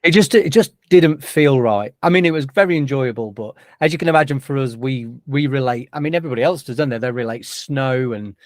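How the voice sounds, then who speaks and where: A man's voice: medium pitch, fairly quick, hardly any pauses, dry recording, clean studio sound. A man hosting a podcast in a chatty, jokey way. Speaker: podcast host. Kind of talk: casual podcast chat.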